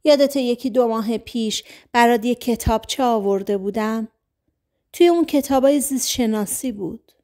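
A woman voicing a caring, shy teenage boy who speaks softly and reassuringly in an audiobook. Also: fairly high pitch, lightly acted.

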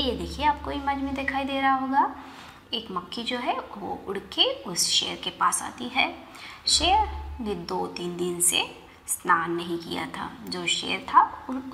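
A woman's voice: fairly high pitch, gravelly, a bit bright, echoey room. A woman teacher reading a story for young children aloud, then explaining each line again in simpler words.

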